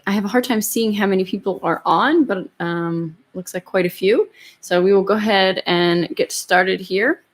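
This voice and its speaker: Female yoga teacher, mid-pitched, informal and chatty, addressing an online class off the cuff. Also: moderate pace. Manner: informal, conversational, hedging with "kind of". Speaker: yoga and meditation instructor. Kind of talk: casual chat to an online class.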